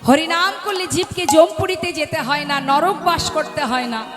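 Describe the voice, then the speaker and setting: A woman's voice: high voice, normal speed. A woman giving a devotional kirtan sermon, asking the gathered listeners questions and calling them mother. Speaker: kirtan preacher. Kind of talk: devotional sermon to a live audience. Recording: echoey hall with music.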